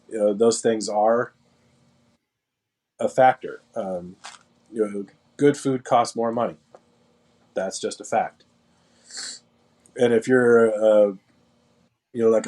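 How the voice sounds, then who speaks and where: Really mellow low guy just chatting, measured, talking things through. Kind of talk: casual conversation.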